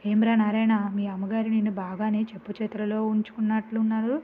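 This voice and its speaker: A woman's voice: mid-range voice, monotone, brisk, lightly acted. Picture a leering village headman who taunts with sly sarcasm as a woman narrator puts him on. The sound is narrow and phone-like, with light background noise. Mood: mocking. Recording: tinny phone-like recording with faint noise.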